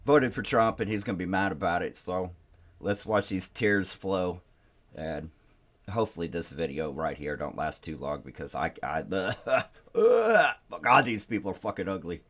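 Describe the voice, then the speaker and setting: A man's voice: sits low, moderate pace, fairly bright tone. A man giving profane, taunting reaction commentary on video clips, laughing at the people he mocks.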